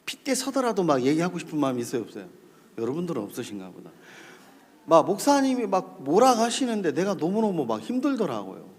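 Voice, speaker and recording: A man preaching a storytelling sermon at a church camp, talking straight to the audience in an animated way. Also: a little high, fast talker, husky. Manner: animated, addresses the audience directly. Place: large hall at a church camp. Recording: long hall reverb.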